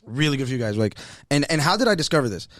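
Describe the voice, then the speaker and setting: A man's voice: medium pitch, sing-song, racing, fairly bright tone, no echo, clean studio sound. A man hosting a podcast, chatting casually in a rambling, slangy way. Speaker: podcast host. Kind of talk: casual chat.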